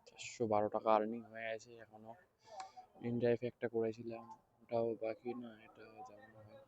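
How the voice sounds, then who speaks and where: A man vlogging as a bike taxi rider, speaking quietly in casual chat while riding through city streets. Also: on the low side, completely flat delivery, brisk, muffled recording. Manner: talks quietly because his mic distorts. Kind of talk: casual ride-along vlog chat. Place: outdoors on a scooter in city traffic. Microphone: action camera mic while riding. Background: wind and traffic noise.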